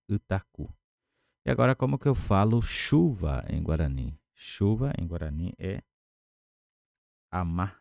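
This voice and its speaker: A man giving a language lesson at a whiteboard, patiently explaining words and repeating each one slowly. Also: lowish voice, vocal fry, mellow, no echo, studio quality. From Paraguay. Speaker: language teacher.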